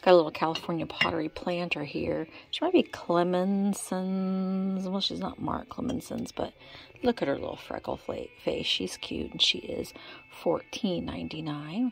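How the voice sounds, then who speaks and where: A middle-aged woman vlogging as she browses an antique mall, chatty and excitable, often dropping into a half-whisper. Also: on the low side, moderate pace, vocal fry. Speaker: vintage shopping vlogger. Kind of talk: shop-with-me vlog narration. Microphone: handheld phone camera.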